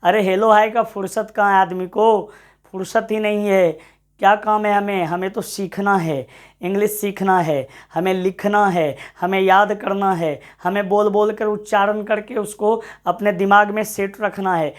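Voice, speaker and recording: Teacher drilling word lists. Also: male voice, high-pitched, fairly even intonation, moderate pace. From Bihar, India. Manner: drills words by repeating them, urges students on; addresses students as friends, gives pep talks. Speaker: English teacher. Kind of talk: online class lecture.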